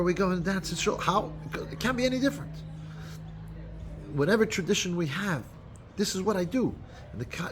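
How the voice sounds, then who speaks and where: A man's voice: mid-range voice, slight background noise. A man speaking as a rabbi, giving an unscripted holiday talk to his congregation with frequent restarts and fillers. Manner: unscripted, halting, with many restarts.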